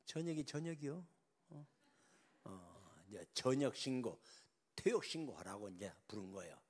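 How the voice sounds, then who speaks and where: A man preaching at a revival meeting, telling a story dramatically with sudden loud rises and quiet drops. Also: medium pitch, very animated, normal speed, breathy edge. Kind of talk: sermon storytelling.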